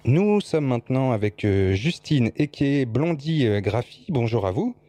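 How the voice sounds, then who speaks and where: Man with a mellow voice, hosting on radio. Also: mid-range voice, sing-song, unhurried, dry recording. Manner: hesitant, many fillers and restarts. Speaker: radio host. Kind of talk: casual radio interview.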